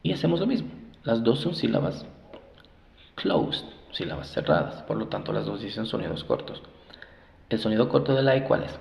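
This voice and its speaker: A man teaching English pronunciation, repeating each word slowly several times as a drill. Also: lowish voice, very animated, gravelly, darkish tone. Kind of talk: phonics lesson. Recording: echoey room, dull lo-fi sound.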